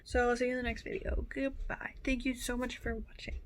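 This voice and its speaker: A young woman vlogging to camera in a relaxed, tired, mellow way. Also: a little high, brisk. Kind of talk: casual vlog talk to camera.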